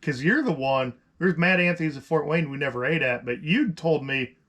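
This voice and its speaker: A man's voice: on the high side, fairly bright tone. A man with a slightly raised voice co-hosts a laid-back podcast. He chimes in with teasing jokes and short questions in easy conversation. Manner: teasing, quick to joke. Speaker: podcast co-host. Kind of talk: casual chat.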